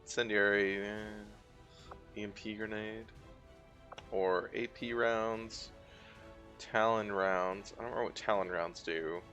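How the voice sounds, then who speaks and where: A man's voice: on the low side, steady tone, measured pace, long pauses, sharp tone, soft background music. A man giving casual gameplay commentary, muttering and thinking aloud as he plays. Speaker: video game streamer.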